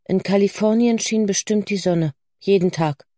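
A woman narrating a children's book in a calm, even way. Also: medium pitch, normal speed, dry recording, clean studio sound. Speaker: audiobook narrator. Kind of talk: scripted narration.

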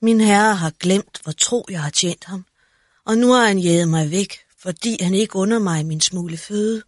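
A man voicing an old, faithful horse who speaks in a slow, mournful way in a storybook reading. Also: sits high, no room sound, studio quality, pitched above the performer's own voice. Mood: sorrowful.

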